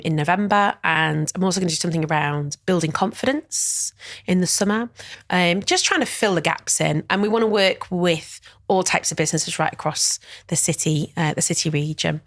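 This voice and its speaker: A middle-aged guest, a wellness event director, chats warmly in a casual interview, her speech full of fillers and "you know." Her voice is on the low side, captured in a dry, studio-quality recording.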